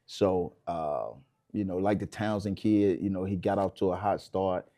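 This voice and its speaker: A man's voice: sits low, steady tone, normal speed, warm tone. A man, a basketball coach explaining things colloquially in a casual interview.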